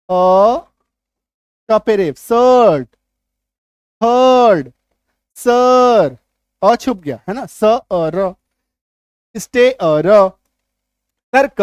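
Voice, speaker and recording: Standing at a whiteboard in a classroom, a man with a high voice teaches English spelling rules, spelling words letter by letter. He keeps checking that students follow, restating key points as questions he then answers himself. The sound is clean studio quality with no room sound.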